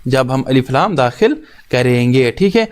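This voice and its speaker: A male teacher talks through an Arabic grammar lesson at a patient, repetitive pace. He asks a question and then answers it himself, and he repeats each key term. His voice sits at an ordinary middle pitch for a man. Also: expressive, darkish tone, clean tone. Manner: mixes in English grammar words. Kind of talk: recorded language lesson.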